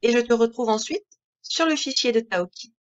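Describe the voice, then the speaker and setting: A woman with a French accent, teaching a reading lesson to young children in a slow, clear, patient way that spells out each word. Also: a little high, muffled recording. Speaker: primary school teacher.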